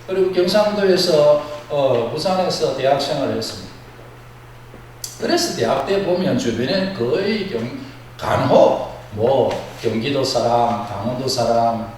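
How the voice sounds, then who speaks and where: A pastor from South Korea's Gyeongsang region preaches a sermon in a Gyeongsang Korean accent, plain-spoken and blunt, swinging between loud emphatic bursts and soft, low asides. The hall is very echoey, the mic far off, with faint noise.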